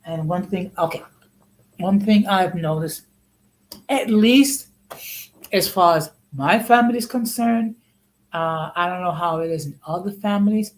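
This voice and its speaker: A man's voice: high-pitched, a little slow, pauses often, rough recording. A man in his sixties from the United States, hosting a casual live-stream talk in a conversational way and often checking in with "okay?". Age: 60s. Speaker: host.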